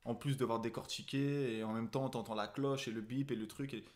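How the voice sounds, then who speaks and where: A man co-hosting a casual chat reacting to a new rap album, excitable and stumbling over repeated words when enthused. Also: medium pitch, fairly quick. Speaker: reaction show co-host.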